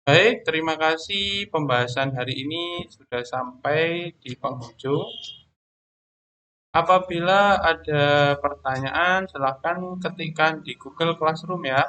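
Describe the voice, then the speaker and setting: A man teaching a primary school class online, explaining slowly and patiently, often pausing on "ya" and "terus". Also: a little high, bright, forceful tone.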